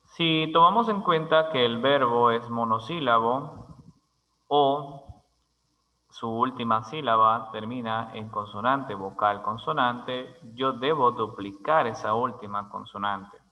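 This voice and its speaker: Male language teacher, unhurried and methodical, crisp tone, long room reverb. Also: medium pitch, dull audio. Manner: slow, deliberate, spells words letter by letter. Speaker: English teacher. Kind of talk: grammar lesson.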